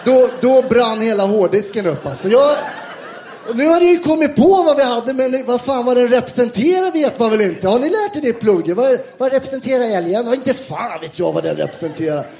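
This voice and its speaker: High-voiced Swedish man doing stand-up. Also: animated, a little hiss or hum. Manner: loud, laughing, swearing storyteller who acts out both sides of an exchange. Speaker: stand-up comedian. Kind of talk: stand-up comedy set. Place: large theatre with a live audience.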